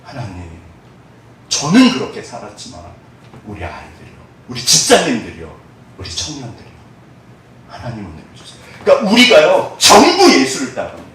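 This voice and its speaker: A man preaching a sermon as pastor, lively and expressive, acting out the voices of church members and dropping to hushed tones when he prays. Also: on the high side, fairly quick. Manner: animated, acts out quoted voices of church members; drops to soft, hushed tones in prayerful moments. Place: church sanctuary. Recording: echoey church hall, mic at a distance.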